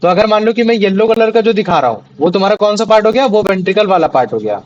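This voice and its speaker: A man's voice: high-pitched, lively intonation, fast talker, dull audio. A young man teaching a classroom lesson, often repeating questions to check that the students follow. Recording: faint background noise.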